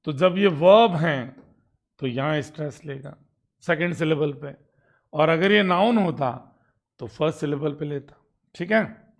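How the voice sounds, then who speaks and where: A male teacher walking through an exam paper in a lecture. He reads the English sentences out slowly and keeps checking whether the students follow. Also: a little high, gravelly. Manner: explains step by step in Hindi, reading English sentences out slowly; asks "ठीक है?" to check understanding.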